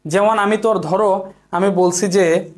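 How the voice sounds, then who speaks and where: A man's voice: sits high, fairly even intonation, unhurried. A man giving an online exam-prep lecture, who asks the class questions and answers them himself, repeating key points and mixing in English words. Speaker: teacher.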